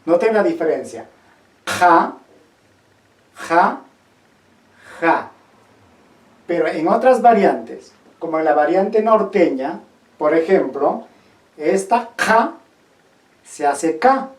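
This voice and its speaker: A teacher giving an online lesson, speaking slowly and deliberately, pausing between words, repeating and demonstrating sounds and checking in with listeners. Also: mid-range voice, animated, a little mellow. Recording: roomy echo, speaker far from mic.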